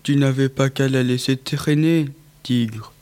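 A man's voice: medium pitch, steady tone, a little slow, darkish tone, natural voice. A man voicing a grumpy, curious hippopotamus in a children's audiobook, speaking bluntly.

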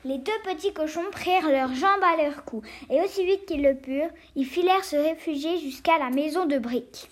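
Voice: sits high, normal speed, few pauses. A child reading a fairy tale aloud, carefully, with small slips and restarts. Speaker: reader.

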